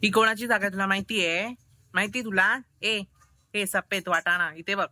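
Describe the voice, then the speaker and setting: A woman's voice: medium pitch, fairly even intonation, normal speed, pushed and bright. A woman home vlogger chatting casually, teasing and cooing at a toddler in playful baby talk.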